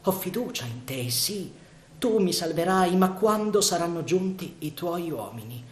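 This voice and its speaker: A man's voice: high voice, sing-song, measured pace, pitched above the performer's own voice. A man voicing a devoted young noblewoman in an audiobook reading, pleading and urgent in a raised voice. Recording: roomy echo.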